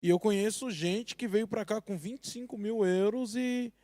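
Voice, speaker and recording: A young man with a Brazilian Portuguese accent, hosting a podcast in a relaxed, colloquial way. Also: high voice, normal speed, no room sound. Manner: relaxed and colloquial, often says "brother" and "irmão". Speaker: podcast host. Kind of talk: casual conversation.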